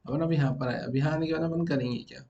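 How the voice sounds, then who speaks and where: Here a man lectures on coding to a room of students, fast and steady, his fairly high voice creaky and dark. He goes step by step and frequently asks whether everyone has got it. The highs are cut off, and there's slight background noise.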